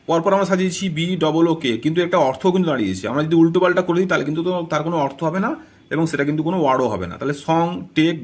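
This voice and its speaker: A man teaching English grammar in a video lesson, often checking in with viewers and spelling words letter by letter. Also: on the high side. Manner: repeats "ঠিক আছে" and addresses viewers as friends.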